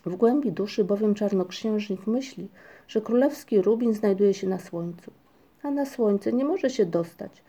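An easygoing young troll wanderer who spins tall tales in a matter-of-fact way, as a woman reads him. The voice is mellow and warm, slightly lifted above the reader's own. It is a storybook character in an audiobook. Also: medium pitch, unhurried. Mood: calm storytelling.

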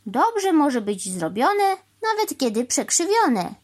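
A woman voicing a cheerful, stubborn mother cow in a children's story, answering calmly and matter-of-factly. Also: high-pitched, unhurried, voice pushed up, heavily acted. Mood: unbothered. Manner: calm, matter-of-fact, unbothered. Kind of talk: storybook reading.

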